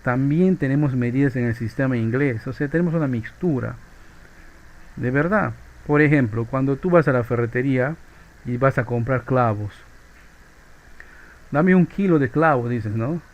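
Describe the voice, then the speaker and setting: A man's voice: medium pitch, normal speed, highs cut off. A man with a Peruvian accent teaching a physics class in a loose, chatty way, often ending phrases with a questioning tag. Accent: Peruvian Spanish. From Peru. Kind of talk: informal classroom lecture.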